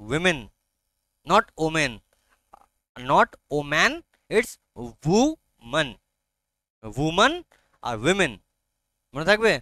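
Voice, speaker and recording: Bengali-accented male teacher, high clear voice. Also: pushed and bright, no room sound. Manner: frequent check-ins with students. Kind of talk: classroom grammar lesson. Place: classroom.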